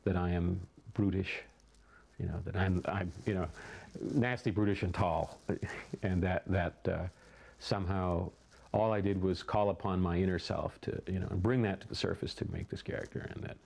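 A middle-aged man reflects calmly in an interview by a window. His voice is deep and gravelly with a dark, mellow tone. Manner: measured and reflective. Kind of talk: casual interview. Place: indoor room by a window.

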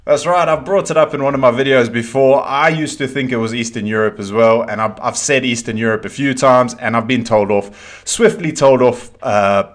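A man's voice: mid-range voice, moderate pace. A man, chatting casually while reacting to a video in a small room at home, rambling with frequent restarts. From South Africa.

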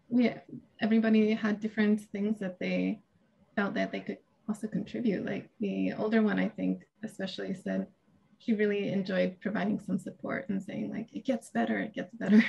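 Woman with gravelly casual delivery. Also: mid-range voice. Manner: casual, hesitant, laughs often. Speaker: academic presenter. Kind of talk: conference presentation and Q&A. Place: small home room with shelves. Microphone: video call webcam.

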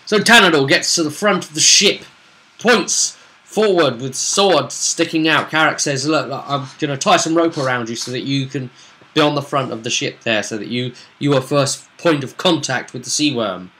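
At a normal speed and with a sharp tone, a medium-pitched man in his twenties recaps a role-play game session for his vlog. He tells it casually like a story, acting out bits of dialogue, from a small room at home.

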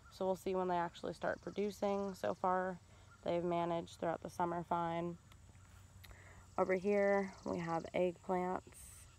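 Woman, casual garden-tour vlogger, low-ish gravelly voice, phone mic outdoors, crickets faintly behind. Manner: relaxed, chatty, frequent ums. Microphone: handheld phone camera.

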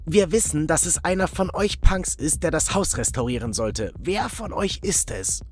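A man's voice: a little high, lively intonation, moderate pace, soft background music, pitched above the performer's own voice, lightly acted. A man voicing a hostile teenage boy bully with an accusing, aggressive manner.

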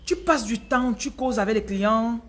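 Lively woman with a Cameroonian French accent. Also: fairly high pitch, unhurried. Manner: lively and direct, repeating words for emphasis. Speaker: business and spiritual coach. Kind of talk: casual live-stream talk to followers.

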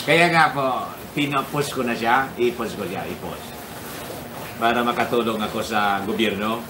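A man's voice: medium pitch, unhurried, recorded from a distance, noisy background. A man hosting a casual political commentary livestream, chuckling often and greeting his viewers by name. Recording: echoey room.

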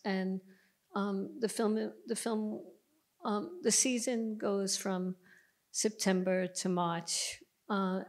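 A woman's voice: mid-range voice, a little mellow. A middle-aged woman, a documentary filmmaker, telling a long story on a panel stage with a handheld microphone and many restarts. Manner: narrates at length, with many restarts and fillers. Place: museum auditorium stage, seated panel before an audience.

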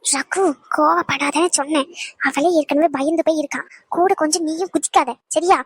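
A woman's voice: high-pitched, fairly even intonation, normal speed, no room sound, close to an everyday voice. A woman voicing a young woman in a cartoon who coaxes and persuades a friend. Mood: coaxing. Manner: coaxing, persuasive.

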